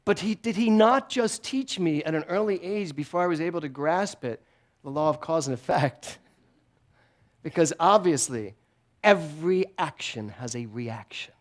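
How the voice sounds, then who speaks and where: A middle-aged man preaches in a relaxed, conversational way, with a voice that sits a little high for a man. He tells stories with self-deprecating humor and laughs often between his points. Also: normal speed. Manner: animated storytelling with frequent laughter. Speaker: guest speaker at a spiritual center. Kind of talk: sermon.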